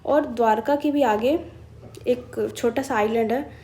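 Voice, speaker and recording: A woman's voice: a little high, measured pace, warm tone, slight background noise. A woman from India teaching current affairs to exam students in a chatty, explanatory way. She mixes in English phrases and thinks aloud, with small hesitations and self-corrections.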